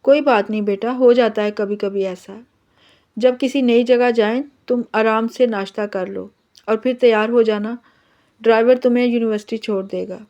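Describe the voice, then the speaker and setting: A woman reading the part of a kind middle-aged mother-in-law who gently reassures her. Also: on the high side, fairly even intonation, normal speed, dull audio, close to an everyday voice. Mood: reassuring.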